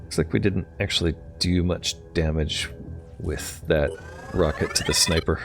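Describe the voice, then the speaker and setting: Deep-voiced man thinking aloud over a game. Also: fairly even intonation, moderate pace, gravelly, music in the background. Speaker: gamer narrating own play. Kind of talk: casual gameplay commentary.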